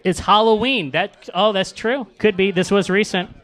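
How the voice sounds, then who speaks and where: High bright-voiced comedian host. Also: male voice, normal speed. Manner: joking, mock-announcer readings. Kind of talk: live comedy roast banter. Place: comedy club stage. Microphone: handheld mic.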